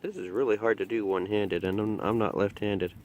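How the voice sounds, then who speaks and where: Here a man chats casually as he digs up metal detecting finds outdoors in the mud, musing aloud for his vlog. The voice sits on the low side, steady and a little mellow, and moves fairly quickly.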